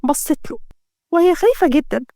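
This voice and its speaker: Egyptian woman narrator, fast dramatic storyteller, dry close sound. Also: very high-pitched, lively intonation, warm tone, no echo. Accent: Egyptian Arabic. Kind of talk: narrated romance story reading.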